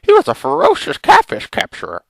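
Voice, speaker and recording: A man voicing a melodramatic, vengeful frog hero in theatrical comic storytelling, with a gravelly cartoon-like voice. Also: on the high side, wildly swooping pitch, brisk, fairly bright tone, no room sound, full character voice. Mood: earnest. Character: melodramatic, vengeful male frog hero telling his journey.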